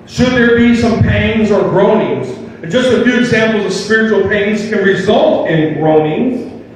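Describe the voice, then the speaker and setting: A man's voice: high-pitched, a little mellow, slight background noise. An older man preaching a sermon in a folksy way, asking rhetorical questions. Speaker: pastor. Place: church sanctuary. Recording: distant mic in a reverberant hall with faint ambience.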